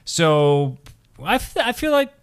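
A man's voice: fairly high pitch, sing-song, slow pace, smooth. A man co-hosting a podcast in casual chat, rambling with many restarts. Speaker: podcast co-host.

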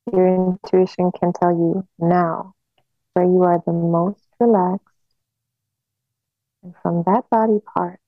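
A woman guiding a hypnosis relaxation in a slow, soothing hypnotist manner with long pauses, on a narrow phone-like recording. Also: fairly low pitch, dry recording.

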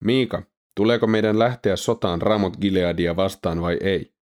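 A man's voice: low-pitched, a little mellow, natural voice. A man reading a resentful old-time king. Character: resentful male king of Israel.

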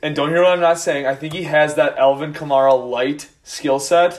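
Brief: man with a slightly raised pitch, halting co-host making his points. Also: steady tone. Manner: hesitant, many "um"s. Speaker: fantasy football podcast co-host. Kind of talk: casual chat.

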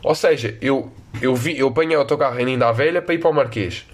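A man's voice: medium pitch, fast. A young man with a European Portuguese accent telling a rambling, self-mocking story in casual, slangy talk. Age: young adult. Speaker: podcast host.

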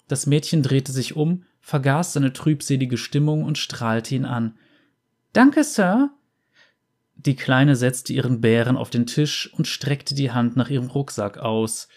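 Here a man narrates fantasy fiction, his voice calm, steady and middle-pitched. He reads carefully and evenly, as if reading a book aloud.

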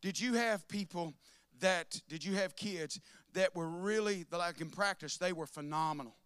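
Pastor, sermon, bright tense tone, calls out to congregation. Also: male voice, sits high, normal speed, clear, resonant tone, no echo, clean studio sound. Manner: preacherly, calls on congregation by name, rises to shouting.

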